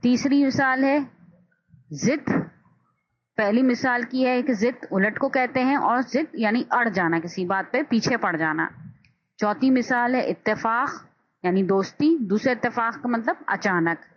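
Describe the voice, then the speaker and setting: A woman's voice: a little high, dry recording. A woman teaching a grammar lesson in a patient, explaining manner, checking that listeners follow and slipping in English words. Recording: dull lo-fi recording.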